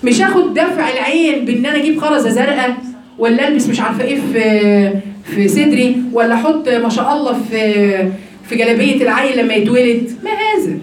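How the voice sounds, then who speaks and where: A woman's voice: on the high side, quick pace, roomy sound, far from the mic, a little hiss or hum. A woman with an Egyptian Arabic accent teaching a religious lesson to women, asking questions and answering them herself. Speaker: Quran teacher.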